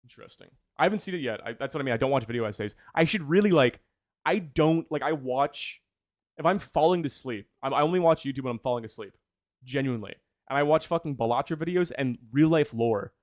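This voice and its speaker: This fast-talking man, a video essay creator, hangs out with viewers in a casual livestream chat, his medium-pitched voice full of lively intonation. The sound is clean studio quality with no echo, and he rambles with enthusiasm while correcting himself often.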